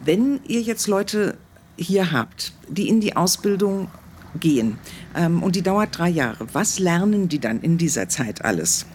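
A woman's voice: fairly low pitch, big pitch swings, unhurried, a little mellow, slight background noise. A woman hosting a podcast, asking questions in a conversational interview style. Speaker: podcast host, military editorial reporter.

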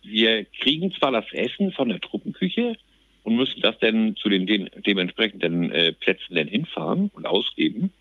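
A man's voice: lowish voice, very animated, normal speed, no echo, narrow, tinny audio. A man speaking as a sergeant major guest in an interview, colloquial and plain-spoken. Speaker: army company sergeant major, podcast guest. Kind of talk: casual interview talk.

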